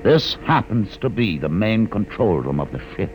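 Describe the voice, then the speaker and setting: An actor playing a calm, condescending older man who holds a prisoner aboard a starship, speaking in a measured, commanding way in an old radio drama. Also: fairly low pitch. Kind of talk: 1950s radio drama acting. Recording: vintage radio broadcast with hiss.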